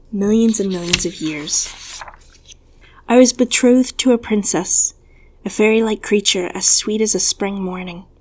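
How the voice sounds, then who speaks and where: A woman's voice: mid-range voice, darkish tone, natural voice. A woman voicing a lonely, courtly young male prince who speaks in an earnest, pleading way, read as a storybook. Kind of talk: storybook reading.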